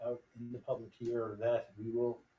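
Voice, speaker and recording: A man's voice: mid-range voice, completely flat delivery, normal speed, soft background music. A man chairing a town board meeting, hesitant and repeating himself as he talks. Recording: muffled, echoey meeting room.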